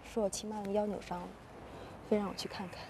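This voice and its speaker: A woman's voice: mid-range voice, level tone, quick pace, background noise, close to an everyday voice. An actress playing a torn young woman in a secret affair who speaks anxiously in a TV drama. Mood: uneasy. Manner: anxious, pleading. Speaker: stepsister and lover. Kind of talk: TV drama acting.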